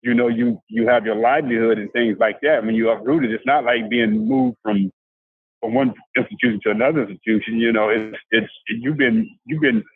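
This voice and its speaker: Older guy from south carolina, halting chat full of restarts, sounds like a tinny phone call. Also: medium pitch, breathy edge, no echo. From South Carolina, USA. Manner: halting, with many restarts and repeated words. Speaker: formerly incarcerated guest. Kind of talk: casual conversational interview. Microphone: handheld phone on a video call. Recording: dry, tinny phone-like video call audio.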